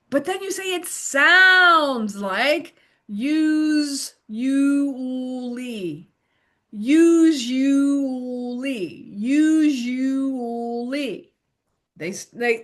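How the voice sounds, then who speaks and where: A middle-aged woman running a recorded training lesson for volunteer literacy tutors, encouraging and animated, acting out how learners react. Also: high-pitched.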